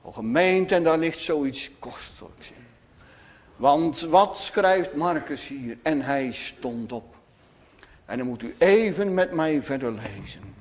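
A man's voice: on the high side, lively intonation, takes it slowly, long reverb tail. A man preaching a sermon to his congregation, solemn, with dramatic rises and falls. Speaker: pastor.

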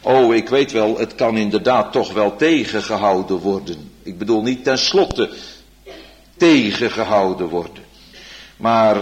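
A man preaching a sermon in solemn, old-fashioned church language, growing loud and impassioned at times. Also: lowish voice. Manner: impassioned, rising to loud emphatic stretches.

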